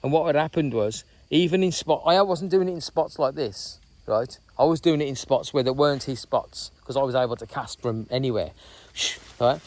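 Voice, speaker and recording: A man's voice: medium pitch, normal speed, darkish tone, no echo. Man, rambling casual vlog talk, outdoors by water, dry close sound. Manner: rambling, chatty, full of "you know what I mean". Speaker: vlogger. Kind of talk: casual walking vlog chat. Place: outdoors by a reservoir.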